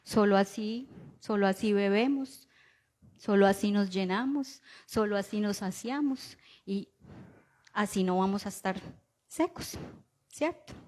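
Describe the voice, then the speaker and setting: A woman with a Colombian accent preaching a sermon in a conversational way, often checking in with the listeners through quick rhetorical questions. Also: mid-range voice, darkish tone. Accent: Colombian Spanish. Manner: conversational preaching, frequent rhetorical "¿cierto?" tags.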